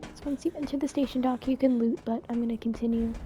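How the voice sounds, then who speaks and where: A woman's voice: a little high, steady tone, fast, warm tone, faint music behind. A woman hosting a video game walkthrough with informal, step-by-step commentary and instructions. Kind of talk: casual gameplay commentary and instructions. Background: game sound.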